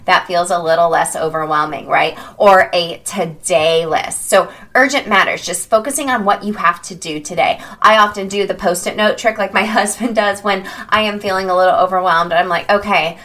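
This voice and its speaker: A woman's voice: lowish voice, normal speed, hardly any pauses, fairly bright tone. A woman hosting a self-help podcast, talking in an upbeat, chatty way and playfully exclaiming. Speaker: podcast host and habit coach. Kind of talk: casual podcast monologue.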